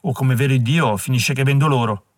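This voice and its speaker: A man's voice: medium pitch, brisk, no echo, clean studio sound, close to an everyday voice. A man voicing a starving, ragged father from old London, coarse and snappish in his bitter grumbling. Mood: impatient.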